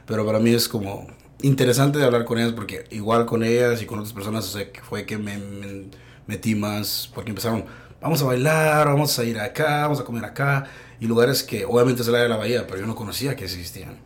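A man with a Mexican accent chatting eagerly, dropping quick agreements and slang. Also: lowish voice, steady tone. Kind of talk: casual chat.

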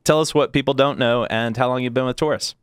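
A man's voice: medium pitch, steady tone, quick pace, clear, resonant tone. A man hosting a workplace podcast, chatting casually and joking with guests. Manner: jokey, laughs often. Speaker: podcast host. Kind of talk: casual chat.

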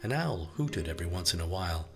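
A man reading an audiobook as its narrator, in an even, measured storytelling manner. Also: low-pitched, creaky, music in the background. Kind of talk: scripted narration.

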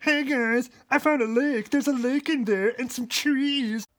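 A man putting on the voice of an excitable nerdy young male gamer fan, squeaky and eager. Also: a little slow.

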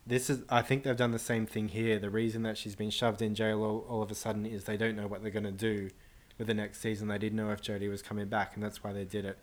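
A man's voice: lowish voice, flat delivery, fast. A man speaking as a podcast guest, knowledgeable and matter-of-fact in casual chat.

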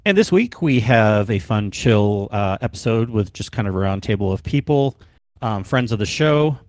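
Man, podcast host, low voice, easygoing, laughs a lot, dry sound. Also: lively intonation, moderate pace, a little mellow, no echo. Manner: easygoing, laughs often, many fillers. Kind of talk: casual podcast chat.

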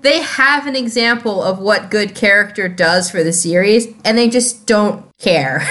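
A woman's voice: medium pitch, unhurried, fairly bright tone. A woman co-hosting a podcast, chatting casually and playfully about cartoon episodes, laughing often. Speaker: podcast co-host.

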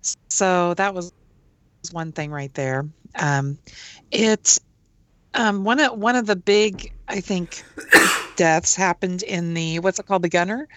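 A woman co-hosting a casual podcast, chatty and halting, with lots of ums and false starts. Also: lowish voice, fairly bright tone, dry recording. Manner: chatty, laughs often, halting with fillers. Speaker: podcast co-host. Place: Seattle.

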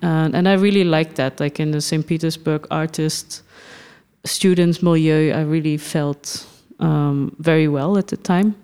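In a low voice with a steady, clean tone, a middle-aged woman who directs a film festival in the Netherlands reflects thoughtfully on a podcast, pausing often and laughing softly.

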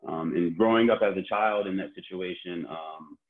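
Speaking over a tinny phone-like line, this Korean-born interview guest talks in a loose, casual way, full of "like," fillers, and restarts. His voice is deep and moves at a moderate pace.

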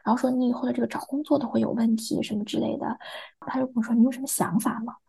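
Husky, gravelly young Chinese woman. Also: a little high, steady tone, very fast, mellow. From China. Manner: hesitant, repeats words while acting out remembered dialogue. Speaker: interview guest. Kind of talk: recounting a personal experience in a podcast interview.

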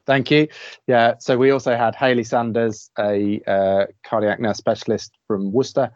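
A man hosting a podcast, briskly introducing the guests and reading a disclaimer. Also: mid-range voice, level tone, darkish tone, no echo. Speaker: podcast host. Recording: dry dull lo-fi audio.

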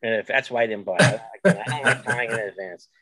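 A man with a mid-range voice hosts a casual sports talk show, speaking fast. He's lively and leads the chat with questions.

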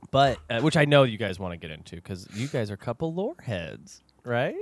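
A man's voice: medium pitch, very animated, a little fast, slight background noise. A man hosting a casual comedy podcast, chatty and playful, leaning on fillers as he talks. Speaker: podcast host.

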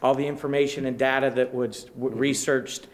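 A man speaking as a county official at a public meeting, warmly praising and encouraging. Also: mid-range voice, flat delivery, fairly quick, slight background noise.

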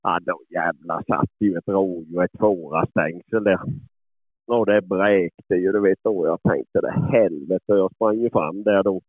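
Low-voiced man with a phone-like sound. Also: dry recording. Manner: rambling, swears often, chuckles while telling. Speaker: dog owner and hunter. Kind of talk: casual storytelling. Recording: phone-like lo-fi, dry.

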